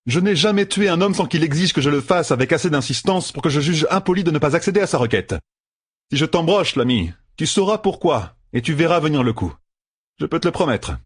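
A man plays a cocky one-eyed rogue from a fantasy audiobook, pitched well above a low husky reading voice. He sounds sardonic and defiant, with a lively, swinging delivery. The recording is close and dry. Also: fairly quick, no echo.

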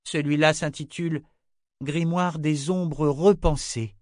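A man doing a high, defiant young woman prisoner. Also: lively intonation, unhurried, no room sound, clean studio sound. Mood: insistent. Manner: high, strained, forceful female voice.

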